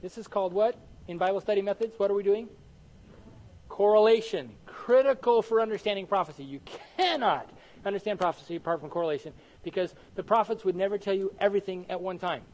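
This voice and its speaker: A man preaching a Bible study sermon, animated and conversational, often asking the congregation questions and answering them himself. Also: high-pitched, quick pace, rough recording. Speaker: pastor teaching Bible study.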